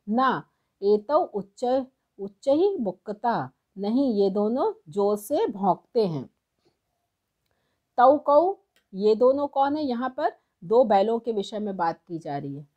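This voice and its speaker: A woman's voice: fairly high pitch, big pitch swings, darkish tone, muffled recording. A woman teaching a textbook lesson, reading lines aloud and translating them, spelling out words syllable by syllable. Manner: slow, spelling out syllables one by one. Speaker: Sanskrit teacher.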